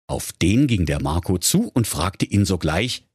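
Husky-voiced man narrating a comic fairy tale. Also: low voice, big pitch swings, unhurried, a little mellow, no room sound, studio quality. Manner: mock-solemn storytelling.

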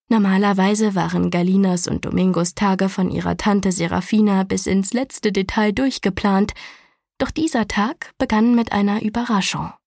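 A woman narrating a children's storybook in a calm, even reading voice. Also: mid-range voice, no echo, studio quality. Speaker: audiobook narrator.

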